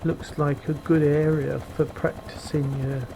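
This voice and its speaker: A middle-aged flight sim video maker with a very deep, creaky voice talks casually as he flies a simulated helicopter, his delivery flat, unhurried and packed with fillers. Audio from his cheap gaming headset mic is poor, with loud engine and rotor noise behind him.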